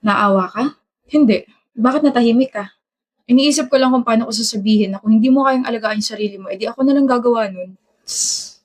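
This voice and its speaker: A woman's voice: a little high, fairly quick. A woman acting in a romantic comedy skit, trading teasing, playful banter.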